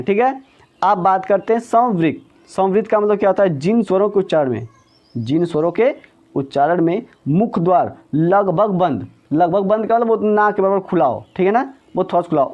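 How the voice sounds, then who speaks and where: A man's voice: high-pitched, darkish tone, dull audio. A man teaching a Hindi grammar lesson for exam preparation, asking questions and answering them himself.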